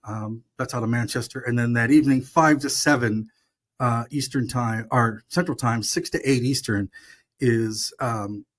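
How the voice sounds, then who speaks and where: A man's voice: medium pitch, moderate pace. A middle-aged man, a radio DJ, chatting casually and enthusiastically about records with lots of fillers. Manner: rambling, enthusiastic, many fillers. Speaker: radio DJ and podcast co-host. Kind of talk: casual chat.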